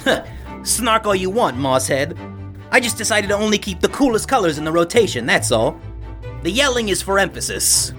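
A woman's voice: medium pitch, sing-song, normal speed, a bit bright, soft background music. Smug cape boy wizard, snarky, lots of swing in the voice.

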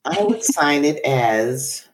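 A woman author guest, quick to laugh and lively in the chat. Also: deep voice. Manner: giggly, lively. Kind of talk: casual podcast chat.

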